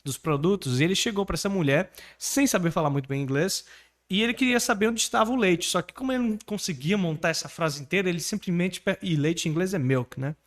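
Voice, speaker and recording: A man from Brazil teaching English online, pitching his course and coaching pronunciation with energy. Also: fast. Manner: energetic, persuasive, asks the viewer to repeat words.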